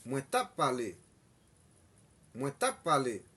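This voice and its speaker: Slow husky man teaching a language. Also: medium pitch, sing-song, bright, forceful tone. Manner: repeats each phrase twice, slow and deliberate. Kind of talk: slow bilingual language lesson.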